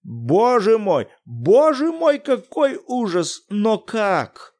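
A man voicing an excitable middle-aged academic in an audiobook, theatrical and loud. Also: medium pitch, measured pace. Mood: alarmed. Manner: bellowing, theatrical, exclamatory.

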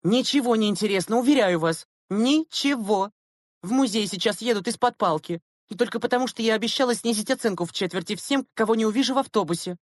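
A woman's voice: a little high, fast, no echo, studio quality, close to an everyday voice. A woman voicing a bitter, weary schoolteacher. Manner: stern, exasperated complaining. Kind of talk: audiobook character reading.

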